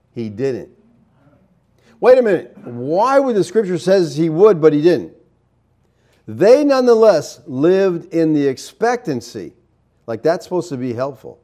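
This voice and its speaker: Incredulous preacher man, voice rising sharply. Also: on the high side. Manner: animated and incredulous, arguing point by point. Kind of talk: sermon.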